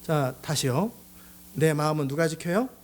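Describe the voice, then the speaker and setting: A man's voice: fairly high pitch, unhurried. A middle-aged male pastor preaching a sermon, acting out angry outbursts and jokes as he goes. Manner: animated, acts out angry outbursts and shouts.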